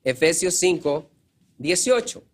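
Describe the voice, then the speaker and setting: A man preaching a sermon in an earnest teaching tone, repeating key phrases and often clearing his throat. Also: fairly high pitch, lively intonation, slow pace.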